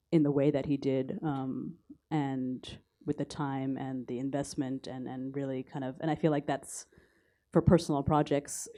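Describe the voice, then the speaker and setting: An American woman, a magazine photo editor, talking through slides at a conference panel in a halting, low-key way. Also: mellow. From United States. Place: university conference hall.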